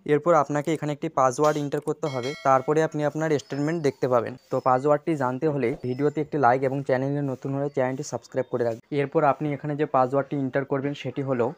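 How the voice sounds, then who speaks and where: A man hosts an instructional video. He speaks very rapidly in a flat, even tone at a medium pitch, laying out each step in order like a prepared script. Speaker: tutorial video host.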